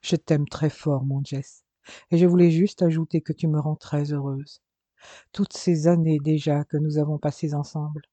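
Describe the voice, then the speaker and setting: Brief: quiet, tender wife in a storybook, warm mellow tone, dry close sound, read by a man. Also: a little high, little pitch movement, moderate pace, dry recording, highs cut off, close to an everyday voice. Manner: soft, tender, fearful. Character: tender, anxious young wife and mother.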